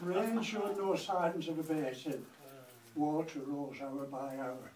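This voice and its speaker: The speaker, an eighty-something man with a Lancashire accent, performs a comic verse monologue with a dry, rhythmic delivery as a grandfather reciting. His fairly high, darkish voice stays even in intonation at a slow pace, and the echoey room, distant mic and faint noise are noticeable.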